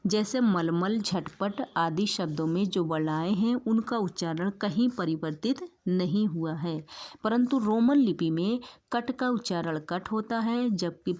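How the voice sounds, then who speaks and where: A woman's voice: lowish voice, a little mellow. A woman teacher explaining exam material in a lecture, repeating key points for her students and mixing words into her talk.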